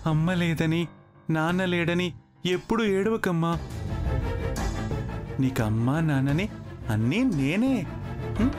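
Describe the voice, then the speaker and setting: An actor playing a kind, protective middle-aged father figure in a TV serial, speaking in a soothing, coaxing way. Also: sits high. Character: kind fatherly older gentleman, protective and gentle. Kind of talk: TV serial acting.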